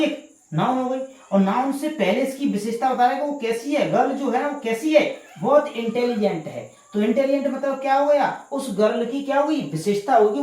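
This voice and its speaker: A woman with a fairly high, mellow voice teaches English grammar online, posing questions she answers herself and repeating key words while addressing students as "guys." She's in an indoor room during a power cut, and the recording is echoey.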